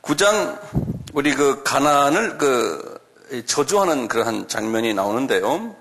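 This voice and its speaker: A middle-aged man teaching a slow, step-by-step classroom Bible lecture, often asking the class to repeat words aloud. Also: mid-range voice, fairly bright tone. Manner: chuckles, talks directly to students.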